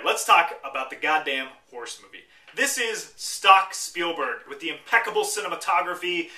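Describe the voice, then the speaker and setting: Sarcastic, bright-voiced male film reviewer. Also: on the high side. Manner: sarcastic, blunt, profane. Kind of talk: casual spoken film review. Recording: echoey room, distant mic.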